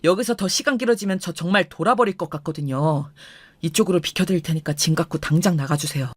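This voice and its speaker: A woman voicing an angry young husband who speaks in a lowered, firm, cold tone. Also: expressive, brisk, no room sound, close to an everyday voice. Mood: stern anger.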